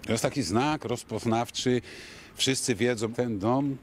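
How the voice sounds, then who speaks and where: A man's voice: medium pitch, unhurried. A man from Silesia, a campaign volunteer, talking in an interview. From Silesia, Poland. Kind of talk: interview answer. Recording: faint ambient noise.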